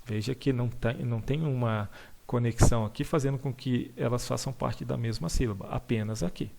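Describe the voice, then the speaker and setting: A male teacher explains a lesson over slides, patiently, with many fillers and checks like "tá bom?", and reads lines of verse aloud slowly. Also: medium pitch, vocal fry, mellow.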